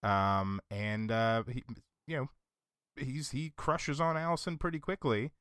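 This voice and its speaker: A man co-hosting a casual podcast, relaxed and laughing as he recaps. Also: medium pitch, unhurried, clear, resonant tone, dry recording, clean studio sound. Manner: relaxed, hesitant fillers, laughs. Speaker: podcast co-host. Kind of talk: casual chat, recapping a film.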